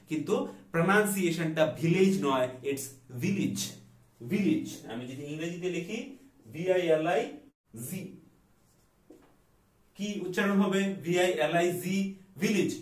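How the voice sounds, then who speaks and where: A man teaching an English vocabulary lesson, reading the example sentences slowly and clearly. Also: on the high side. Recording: echoey room, voice a bit far from the mic.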